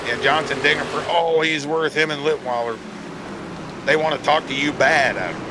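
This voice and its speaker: Laid-back race color commentator. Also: male voice, a little high, moderate pace, background noise. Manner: casual, joking banter. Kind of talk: sim racing color commentary.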